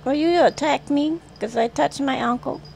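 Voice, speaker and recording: A woman's voice: high voice, normal speed, vocal fry, noisy background. A woman filming at home on a phone, talking doting baby talk to her puppy. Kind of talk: casual home video chat. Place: home bedroom.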